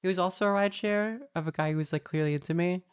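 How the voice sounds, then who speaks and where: A woman with a notably low voice, chatting casually as a podcast host. She rambles through anecdotes with a wry edge, loaded with fillers and restarts. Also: fast, smooth.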